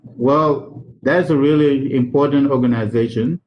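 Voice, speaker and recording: Slow-talking South Sudanese man. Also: medium pitch, fairly even intonation, lo-fi sound, slight background noise. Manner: slow, halting, repeats words. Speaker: guest speaker, engineer. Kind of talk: advice talk to students.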